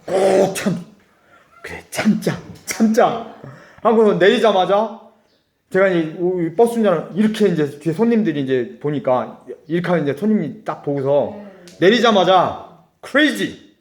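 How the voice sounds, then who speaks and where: A man's voice: high voice, animated, normal speed, darkish tone, reverberant. A middle-aged Korean man preaching a sermon as a pastor, telling a story with acted-out dialogue and laughing asides.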